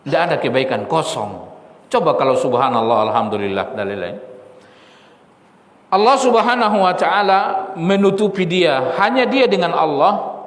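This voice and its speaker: A man's voice: a little high, big pitch swings, normal speed, long pauses. A male preacher giving a study sermon in a mosque, repeating key lines and asking the listeners rhetorical questions. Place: mosque hall. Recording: echoey hall with long reverb.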